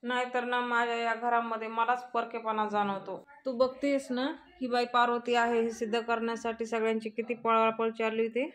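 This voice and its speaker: A woman's voice: fairly high pitch, level tone, moderate pace, close to an everyday voice. A woman voicing an insecure, resentful older mother-in-law who complains about her place at home.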